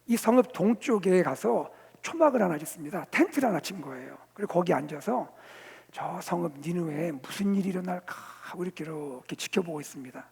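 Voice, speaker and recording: A man preaches in a church sanctuary, his voice pitched high with a gravelly, husky texture. He tells the story dramatically, pushing some lines loudly and sinking others to a whisper. A long reverb from the hall trails behind every phrase. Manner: storytelling, dramatic shifts between loud emphasis and near-whispers. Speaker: senior pastor. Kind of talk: sermon.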